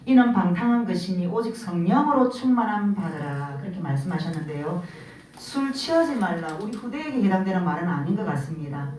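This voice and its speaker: A woman's voice: on the low side, a little fast, a little hiss or hum. A woman in her fifties giving an earnest sermon, telling family stories and acting out what her children say. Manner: earnest, storytelling, animated quoting of family. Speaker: church speaker. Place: church sanctuary. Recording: roomy church sound from far off, faint ambience.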